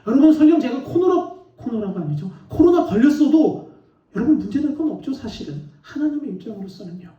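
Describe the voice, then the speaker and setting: A man preaching a sermon as a pastor, telling an animated personal story and laughing as he goes. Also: very high voice, quick pace. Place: church sanctuary. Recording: roomy, distant, dull church recording.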